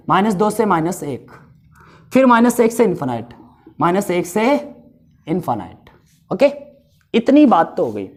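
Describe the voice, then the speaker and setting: Working through a math lesson step by step, a man repeats values and questions his students. His voice sits high and sounds hoarse from a sore throat.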